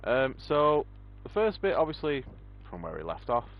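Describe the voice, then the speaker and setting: A man's voice: mid-range voice, wildly swooping pitch, moderate pace, dull audio. A young man hosting a casual discussion, rambling with lots of ums. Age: young adult. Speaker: podcast host. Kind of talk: casual chat.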